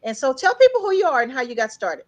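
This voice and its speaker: A woman's voice: high voice, very animated, fast talker, a little mellow. A woman hosting an interview show, friendly and encouraging, sometimes repeating her words. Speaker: radio show host. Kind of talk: interview host.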